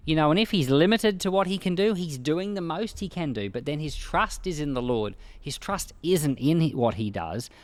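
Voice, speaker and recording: A pastor and Bible podcast host reads scripture, then explains it in plain-spoken, informal devotional commentary. His voice sits a little high and is animated, moving at a moderate pace with few pauses and no room sound.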